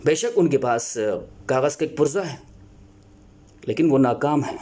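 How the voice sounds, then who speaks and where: A man lecturing as a teacher, earnest and explanatory, pausing often to find his words. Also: mid-range voice, animated, a little mellow. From Pakistan. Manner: earnest, explanatory, with many filler pauses and restarts. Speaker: Urdu teacher. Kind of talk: spoken lecture on teaching Urdu.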